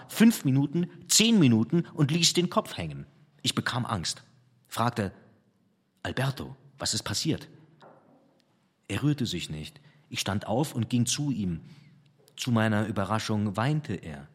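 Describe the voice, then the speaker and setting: A man with a husky voice reading a literary memoir aloud in a measured, reflective storytelling manner. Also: mid-range voice. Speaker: narrator. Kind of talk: audiobook narration. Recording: long hall reverb.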